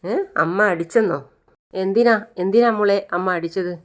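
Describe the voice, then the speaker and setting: Narrator voicing Sidhu, a gentle comforter. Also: male voice, sits high, moderate pace, lightly acted. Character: kind caring man, an uncle figure.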